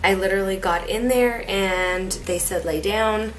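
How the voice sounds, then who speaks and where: A woman's voice: mid-range voice, unhurried, rough recording. A woman talking casually in a personal vlog, in a rambling, informal, folksy way. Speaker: vlogger.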